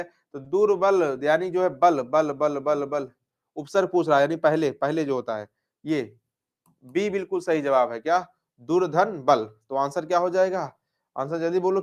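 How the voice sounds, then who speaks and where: A male Hindi grammar teacher working through exam questions, repeating each answer and asking and then answering his own questions. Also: sits high. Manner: repeats answers, asks "क्या?" and answers himself; calls students affectionate nicknames.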